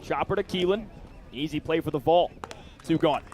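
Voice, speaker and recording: Crowd sounds from an outdoor baseball stadium accompany a young American man doing live radio play-by-play. He speaks at a moderate pace in a fairly high voice.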